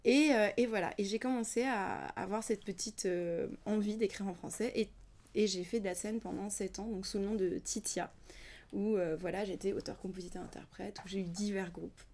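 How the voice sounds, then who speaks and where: A woman's voice: mid-range voice, steady tone, normal speed, a little mellow. A young adult woman, a singer and singing teacher, talking thoughtfully in an interview, hesitating often and sometimes dropping to a near-whisper. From Ukrainian family background, raised in France. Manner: thoughtful, hesitant with many fillers, drops to near-whisper at times. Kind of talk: casual interview talk.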